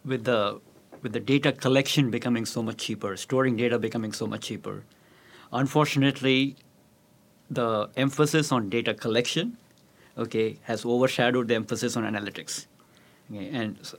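A man speaking as a panelist, emphatic and often checking in with "okay". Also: mid-range voice. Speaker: panelist on travel industry. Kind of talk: panel discussion.

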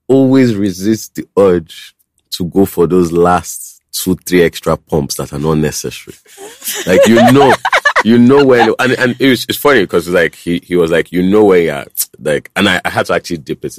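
Male guest from Nigeria, playful joker, low voice, dry close recording. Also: moderate pace, no echo. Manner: joking, playful storyteller. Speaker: podcast guest. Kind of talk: casual podcast chat.

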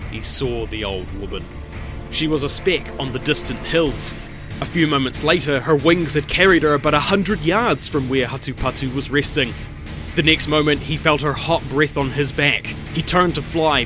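A man telling an old legend in measured, expressive storybook narration. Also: a little high, music in the background.

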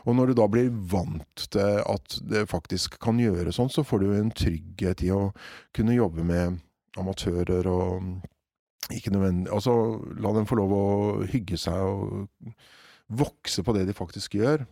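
Low-voiced man, animated director. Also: creaky, no echo, clean studio sound. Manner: animated, hesitant with many fillers. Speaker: theatre director. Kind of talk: reflective interview talk.

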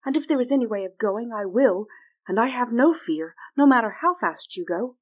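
A woman's voice: fairly high pitch, animated, normal speed, voice pushed up. A woman voicing a brave, determined young girl who speaks steadily and earnestly in a fairy-tale reading.

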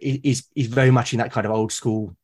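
A fast-talking British artist and podcaster, interviewed as a guest, has a medium-pitched, darkish, slightly rough voice with a steady tone. The conversation is casual, and he speaks hesitantly, often repeating words at the beginning of a sentence.

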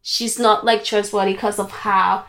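A woman's voice: medium pitch, level tone, measured pace, a bit bright. A young woman in casual podcast chat, holding forth emphatically on her opinions. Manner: emphatic, talks at length about her opinion. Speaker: podcast co-host.

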